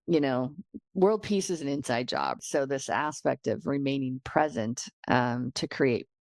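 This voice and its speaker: A woman podcast host with a low, gravelly voice that sounds slightly worn. She talks reflectively, searching for her words with pauses and fillers. The sound is close and dry. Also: no echo. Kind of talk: reflective interview conversation.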